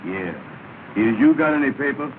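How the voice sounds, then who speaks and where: A man's voice: medium pitch, lively intonation, moderate pace, lightly acted. Man doing andy, bossy drawling guy, tinny old movie sound. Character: bossy, self-important grown man, Andy. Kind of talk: 1930 film comedy acting. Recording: tinny, hissy 1930 film soundtrack.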